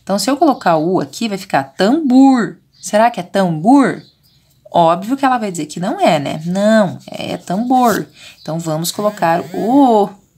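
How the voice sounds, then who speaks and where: Brazilian preschool teacher, remote lesson, drawn-out syllables, keeps checking in. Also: female voice, mid-range voice, lively intonation, a little mellow. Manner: patient, drawn-out sounding of syllables and vowels; frequent checking fillers. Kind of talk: remote lesson for young children.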